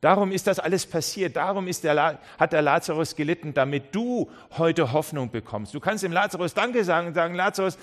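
A man's voice: on the high side, lively intonation, fairly quick, few pauses. A man preaching a sermon with passion, often acting out the people he quotes. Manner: passionate, acts out quoted speech, many restarts.

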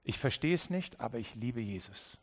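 A man preaching a sermon to a congregation, emphatic, dropping to quiet low asides and repeating key phrases for weight. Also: lively intonation, normal speed, breathy edge. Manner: emphatic, swings between loud stresses and quiet low asides. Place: church service with an audience.

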